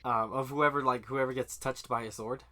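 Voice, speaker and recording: Bright-voiced man cursing through a manga recap. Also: mid-range voice, steady tone, normal speed. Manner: swears a lot, laughs often, acts out characters' lines. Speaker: podcast co-host. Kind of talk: casual chat recapping manga.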